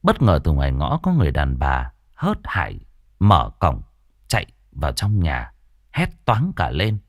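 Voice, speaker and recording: A man's voice: rumbling low, unhurried, no room sound. A man narrating a ghost story dramatically. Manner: dramatic, expressive. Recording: dry studio voice with faint music.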